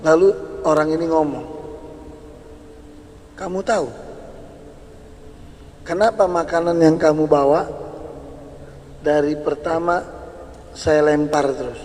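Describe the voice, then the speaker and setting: A man preaching a sermon, telling a story in an animated way and repeating key words for emphasis. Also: a little high, slow pace, pauses often, a little hiss or hum. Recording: reverberant hall.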